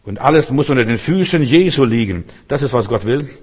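A man preaching a fervent sermon, talking straight to the listener, swinging from loud outbursts to low murmurs. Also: animated, brisk, slightly rough. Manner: addresses listener directly with questions.

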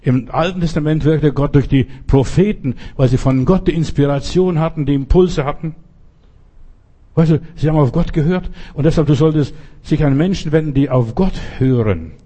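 A man's voice: medium pitch, mellow. A man preaching a sermon, exhorting the listener directly and repeating his points again and again.

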